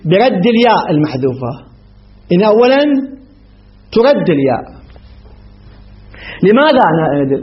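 A man with a high voice and a light colouring works through a grammar lesson, circling back over each rule. He asks questions and answers them himself, often correcting himself mid-word. The recording is dull and lo-fi with a faint hiss behind it. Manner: repeats and restates terms, asks rhetorical questions then answers; self-corrects mid-sentence. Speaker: grammar teacher. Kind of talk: classroom lesson explaining grammar rules.

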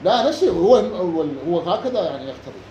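A man with an Iraqi Arabic accent teaching a classroom lesson, reading a passage slowly, then explaining it and quizzing his students. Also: sits high, big pitch swings, dark tone. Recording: echoey room with faint background noise.

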